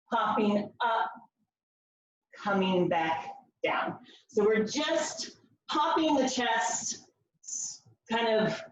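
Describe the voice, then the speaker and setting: A woman leading a floor workout class, giving step-by-step cues in an encouraging coaching manner while she demonstrates. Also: fairly high pitch. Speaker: fitness class instructor. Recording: very echoey room, distant mic, slightly dull.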